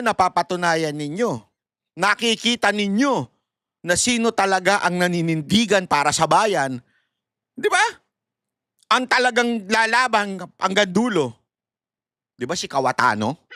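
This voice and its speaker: A middle-aged man with a Filipino accent giving animated, casual political commentary and laughing as he talks to his viewers. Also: high-pitched, measured pace, long pauses, no echo, studio quality.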